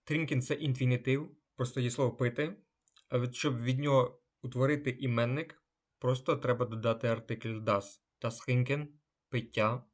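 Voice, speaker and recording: A man's voice: mid-range voice, fairly even intonation. A man teaching a language lesson, drawing out each German example word before giving its meaning. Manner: slow, drawn-out German example words. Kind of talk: unhurried lesson.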